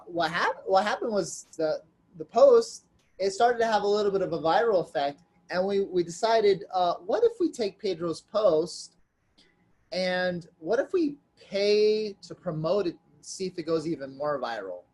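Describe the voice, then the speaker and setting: A man's voice: high-pitched, darkish tone. A man hosting a podcast, explaining events in casual conversation with small restarts. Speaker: podcast host.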